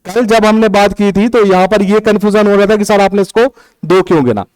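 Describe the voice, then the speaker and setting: A man's voice: high-pitched, fairly quick, darkish tone, dry recording, poor audio. A young man teaching a class, patiently explaining step by step and counting syllables aloud. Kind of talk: classroom lecture on Hindi prosody.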